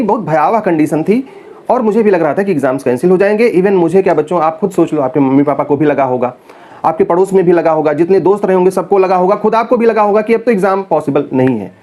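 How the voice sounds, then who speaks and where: A man's voice: high-pitched, fast talker, a little mellow. A man who is a teacher, talking straight to his students in a casual, earnest and persuasive way, often calling them children. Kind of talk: casual direct-to-camera talk to students.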